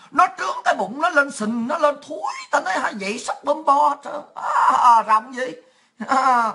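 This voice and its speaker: A woman's voice: high-pitched, bright, forceful tone. A woman ranting in a coarse, mocking and sarcastic monologue as a political vlogger.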